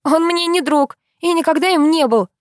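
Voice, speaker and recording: A woman's voice: extremely high pitch, normal speed, dry recording, clean studio sound, voice pushed up. Woman voicing a furious heartbroken teenage girl. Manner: shouting, tearful. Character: angry hurt teenage girl.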